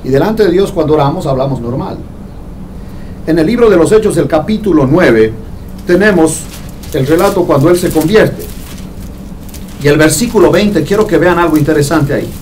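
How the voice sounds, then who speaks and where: A man's voice: fairly high pitch, animated, moderate pace, long pauses, a little mellow, distant mic, a little hiss or hum. Conversational man preaching from afar. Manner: conversational, jokes with the congregation. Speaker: pastor. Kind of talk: sermon. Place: church hall.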